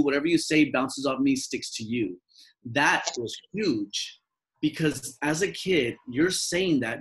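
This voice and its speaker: A man's voice: fairly high pitch, a bit bright, poor audio. A man who works as a mindfulness coach, answering interview questions in an earnest, repetitive way, often acting out the lines he quotes. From Southern California.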